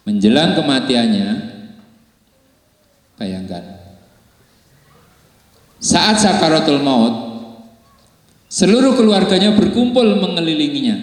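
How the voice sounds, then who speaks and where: A man preaching a sermon and telling a moral story, rising to high, emotional pleading tones. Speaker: Islamic preacher. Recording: echoey hall with long reverb.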